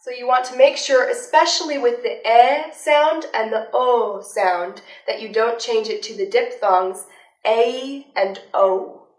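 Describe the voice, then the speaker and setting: A young adult woman giving a vocal lesson, explaining clearly and demonstrating with sung examples. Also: fairly high pitch, a little slow, few pauses. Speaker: vocal instructor. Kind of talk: instructional voice lesson. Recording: roomy, from a distance, with faint music.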